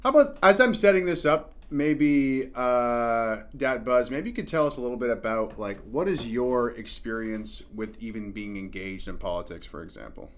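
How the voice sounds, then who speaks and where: A man's voice: medium pitch, lively intonation, moderate pace, hardly any pauses. A man hosting a casual political chat show, talking in a loose, rambling way with many fillers. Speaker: podcast host.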